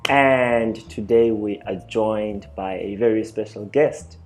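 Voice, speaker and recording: A man's voice: fairly low pitch, slow pace, soft background music. Young man, host, eager, many uh fillers, video call. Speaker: host, interviewer. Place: small room indoors. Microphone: webcam on a video call.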